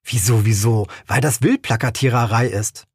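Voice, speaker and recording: A man's voice: medium pitch, moderate pace, breathy edge, no echo, clean studio sound. A man putting on a scolding older woman. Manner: scolding, lecturing. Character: indignant older woman, tall and bony.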